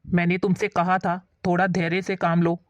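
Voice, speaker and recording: A woman's voice: fairly low pitch, level tone, normal speed, no room sound, muffled recording, natural voice. A woman voicing a selfish younger son who talks in a placating, calculating way.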